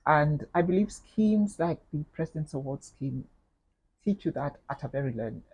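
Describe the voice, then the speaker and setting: Thoughtful Kenyan woman with a husky voice. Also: low-pitched, lively intonation, muffled recording. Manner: measured, thoughtful, with frequent fillers and repeated words. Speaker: interview guest, UN official. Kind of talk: reflective interview conversation.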